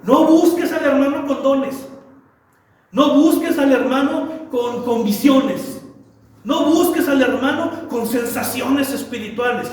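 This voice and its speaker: A man's voice: very high voice, slow, a little mellow. A man preaching a sermon as pastor, emphatic, repeating phrases and asking rhetorical questions. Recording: echoey church hall, mic at a distance.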